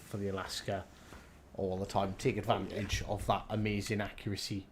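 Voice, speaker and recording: A man's voice: lowish voice, little pitch movement, normal speed, slight background noise. A man in his thirties with a Welsh valleys accent, chatting casually and jokily on a gaming livestream, swearing freely. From South Wales valleys. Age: 30s. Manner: sweary, jokey. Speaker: live streamer and gaming video maker. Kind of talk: casual banter and game advice on a livestream.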